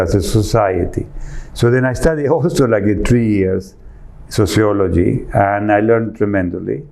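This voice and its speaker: A man's voice: fairly low pitch, gravelly, a little mellow. A man from Argentina with an Argentine accent, an architect answering interview questions earnestly, often rephrasing as he searches for words. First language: Spanish. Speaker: architect guest.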